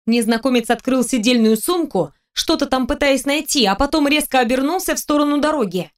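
A woman's voice: high-pitched, brisk. A woman narrates a fantasy audiobook in the first person, telling the story expressively. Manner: expressive storytelling, with the heroine's lines read in her own voice.

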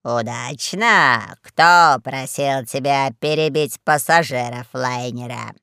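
A performer voicing a fat, lazy alien overlord who speaks in a slow, low drawl, in an audiobook. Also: gravelly, sharp tone, clean tone, no echo, clean studio sound, exaggerated voice. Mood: lazy menace.

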